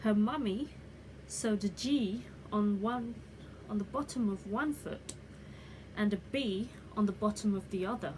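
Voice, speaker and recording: Woman, bedtime storyteller, fairy tale opening style, very slow pace, medium pitch, noisy background. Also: a little mellow. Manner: unhurried, measured read-aloud delivery. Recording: clearly noisy background ambience.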